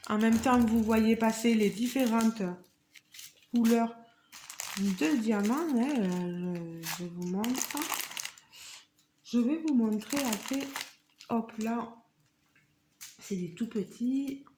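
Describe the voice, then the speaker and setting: A woman's voice: on the high side, takes it slowly, long pauses, roomy sound, noisy background. A woman vlogger chatting to her viewers as she unboxes a craft kit, marvelling at each item. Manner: chatty, addresses viewers directly; marvels at the items she shows. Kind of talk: casual unboxing vlog.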